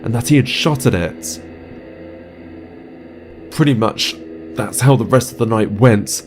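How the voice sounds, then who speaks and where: A man narrating a first-person horror story in a profane, conversational way. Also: mid-range voice. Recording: narration over music bed.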